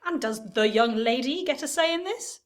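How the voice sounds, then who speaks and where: A woman's voice: high-pitched, animated, moderate pace, slight background noise. A young woman playing an outspoken, sceptical companion in an audio drama. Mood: wry. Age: young adult.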